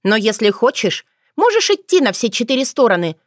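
A woman's voice: fairly high pitch, big pitch swings, a little fast, dry recording, studio quality, pitched above the performer's own voice. Sassy young witch, as a woman narrator puts her on. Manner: bold, sassy and indignant. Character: cheeky sharp-tongued young witch woman.

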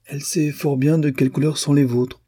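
Man voicing a coaxing ironic princess, worldly and seductive, lifted above his low husky voice, storybook reading. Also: moderate pace. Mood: teasing. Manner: ironic, coaxing, softly mocking. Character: teasing, worldly seductive princess, adult woman.

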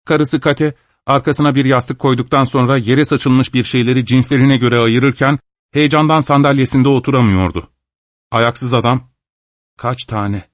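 Man reading a novel out loud, steady and measured, dry close mic. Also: mid-range voice, no echo. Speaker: audiobook narrator. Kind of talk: literary audiobook narration.

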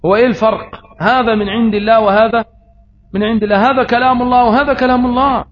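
High-voiced Egyptian preacher, rhetorical questions. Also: male voice, fairly even intonation, quick pace. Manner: rhetorical questions answered himself. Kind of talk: religious lesson. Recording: slightly dull audio, faint noise.

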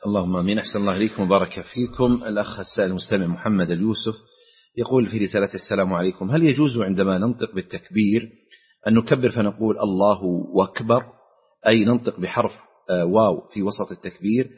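Male radio host reading letters to a scholar: formal, very fast, low, raspy, dull broadcast sound. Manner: formal, rapid reading with set blessings. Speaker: radio presenter reading listener questions. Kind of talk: reading listener letters aloud.

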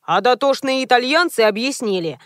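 A woman's voice: on the high side, expressive, moderate pace, no echo, studio quality, lightly acted. A woman doing a stubborn, nitpicking old grandfather. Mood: grumbling. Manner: grumbling and pedantic.

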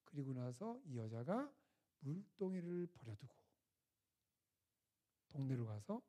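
Dark-voiced preacher telling a lively sermon. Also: mid-range voice, unhurried. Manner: asks the audience rhetorical questions; retells scripture dialogue in a lively, conversational way. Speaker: preacher at a winter retreat. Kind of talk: storytelling sermon.

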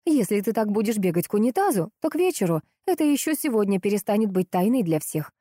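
A woman voicing a calm young sister-in-law who speaks in an even, faintly mocking tone. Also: mid-range voice, fast, no echo, studio quality, voice pushed up.

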